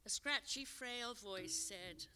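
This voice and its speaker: An older woman telling a personal memory in a measured, gentle storytelling manner, her phrase endings trailing off softly. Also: a little high, smooth. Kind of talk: told personal memoir on stage. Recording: long hall reverb.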